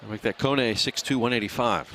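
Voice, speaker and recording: A man doing live play-by-play soccer commentary, calling player names in brisk short bursts. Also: mid-range voice, fairly bright tone, slight background noise.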